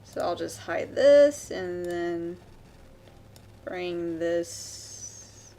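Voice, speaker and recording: A woman streamer chatting casually while she draws, rambling with many fillers and quick laughs. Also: fairly low pitch, expressive, mellow. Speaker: streamer drawing live. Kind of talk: casual chat while drawing. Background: faint background music.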